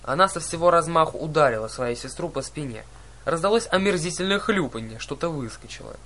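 A male storyteller reads an adventure novel with lively expression. His voice sits a bit higher than most men's. The tone is bright and crisp. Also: brisk. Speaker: audiobook narrator. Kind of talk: scripted narration.

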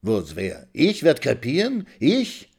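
A man voicing a bitter paralyzed old woman who groans and whines in a drawn-out, prayer-like melody. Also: low voice, animated, warm tone, breathy edge, full character voice. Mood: venomous. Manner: groaning venomously.

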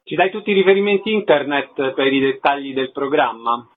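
A man's voice: medium pitch, lively intonation, brisk, breathy edge. A man hosting a radio interview, presenting events and putting questions to guests. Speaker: radio host interviewing festival organisers. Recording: slightly dull, lo-fi radio sound.

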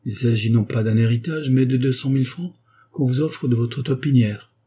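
A man reading an audiobook voices a courteous, patient old aristocratic baron, a bit higher than his own voice. The voice is mellow and slightly husky. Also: normal speed, close to an everyday voice. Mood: persuading.

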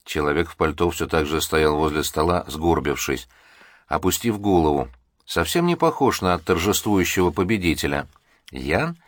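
A man narrating an audiobook in an expressive, measured storytelling manner. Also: deep voice, no echo, studio quality.

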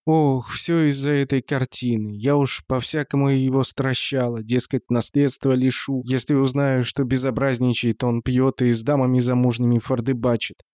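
A man voicing a frail, bedridden old spinster woman who speaks in a creaky, sighing, folksy way. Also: medium pitch, little pitch movement, normal speed, hardly any pauses, a little mellow, no room sound, studio quality, lightly acted. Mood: grieving.

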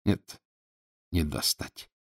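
A man narrating an audiobook in a measured, dryly ironic way. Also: fairly bright tone, dry recording, studio quality. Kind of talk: scripted narration.

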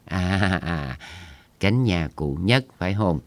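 A stocky, sly old village official, played by a male storyteller, loud and drawn-out, laying on false piety. His deep voice booms with a fawning, smooth-talking air in this storybook reading. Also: animated, no echo.

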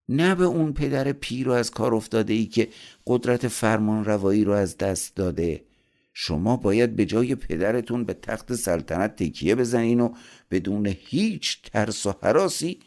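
A man voicing a flattering, scheming male devil who coaxes a prince in an audiobook story. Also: on the low side, pitched above the performer's own voice. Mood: urging. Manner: smooth, wheedling, coaxing.

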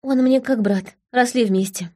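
Brief: woman playing a gentle, lovesick village girl, soft and a little higher, quietly stubborn. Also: unhurried, slightly rough. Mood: confiding.

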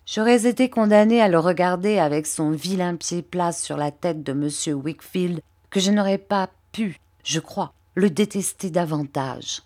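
A woman narrating a classic novel in a measured, expressive storytelling manner. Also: on the low side. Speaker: audiobook narrator. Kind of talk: scripted literary narration.

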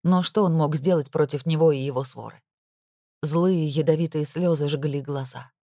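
Woman reading a story in first person, low voice, dry close sound. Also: normal speed, warm tone, no echo. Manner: emotional, intimate storytelling. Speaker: audiobook narrator. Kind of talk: first-person audiobook narration.

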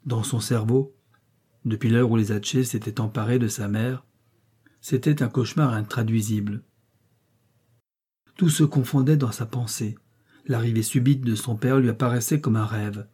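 A man reads an adventure novel aloud in a measured, expressive way. His voice is very dark and noticeably husky. His pitch sits at a middling level for a man. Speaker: audiobook narrator. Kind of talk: scripted narration of an adventure novel.

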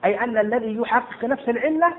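A man teaching jurisprudence to a class, quizzing and hushing students, often stumbling and repeating words. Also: very high voice, fast. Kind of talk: interactive classroom lesson. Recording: tinny lo-fi with faint noise.

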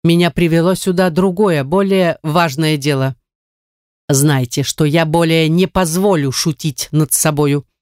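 A woman voicing a cold, contemptuous nobleman who speaks in slow, measured threats. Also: sits low, darkish tone, no echo, studio quality. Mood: menacing.

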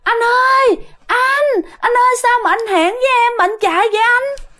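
A woman voicing a seductive female ghost with a Southern Vietnamese accent, calling out in a coaxing, drawn-out way. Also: very high-pitched, bright, forceful tone, pitched above the performer's own voice.

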